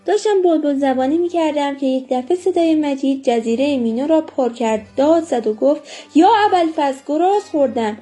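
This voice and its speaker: High mellow woman reading stories. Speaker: audiobook reader. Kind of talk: storybook narration. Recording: faint music underneath.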